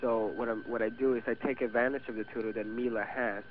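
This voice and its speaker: A fast-talking eighteen-year-old man, a guest actor and native Spanish speaker with a Venezuelan accent, speaks in a mid-range voice that barely moves in pitch. In the interview he is casual and halting, repeatedly restarting. The recording has a thin, phone-like radio quality and faint hiss.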